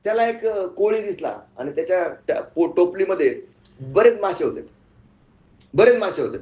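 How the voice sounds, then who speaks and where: Animated male spiritual teacher, echoey. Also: high voice, moderate pace. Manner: animated storyteller, asks the audience questions. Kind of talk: sermon with storytelling. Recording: echoey room, muffled sound.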